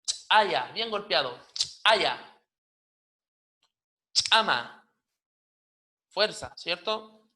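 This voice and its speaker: Man, Chilean Spanish accent, language teacher, high pitch, bright tone, unhurried, punchy repeated words. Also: creaky. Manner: slow, repeats example words with emphatic popping consonants. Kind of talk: pronunciation lesson.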